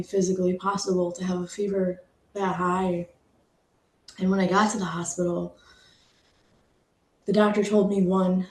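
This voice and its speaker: A woman's voice: mid-range voice, mellow. Woman telling a personal story, echoey. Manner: emotional, heartfelt, pausing, fighting back tears. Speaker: speaker sharing a personal story.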